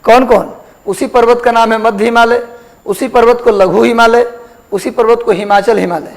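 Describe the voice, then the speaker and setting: A man's voice: extremely high pitch, fairly even intonation, moderate pace, low-quality recording. A man teaching a geography class, repeating terms and quizzing his students. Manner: repetitive, asks students questions. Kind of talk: classroom lecture.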